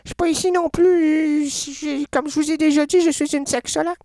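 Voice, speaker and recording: A performer voicing an excitable, rambling female caller with a Quebec French accent in a comedic radio sketch. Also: high-pitched, brisk, pitched above the performer's own voice. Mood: excited. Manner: gushing, giggly, rambling.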